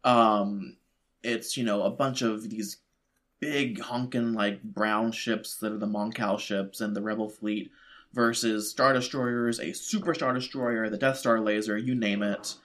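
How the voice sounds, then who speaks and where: A man's voice: fairly low pitch, steady tone, measured pace, a bit bright. A man co-hosting a podcast who rambles in casual chat, full of "like" and "you know". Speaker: podcast co-host.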